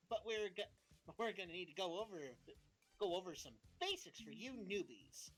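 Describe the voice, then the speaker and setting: A woman's voice: mid-range voice, a bit bright, rough recording. A woman streamer chatting casually and reading a post aloud in a dramatic, theatrical voice.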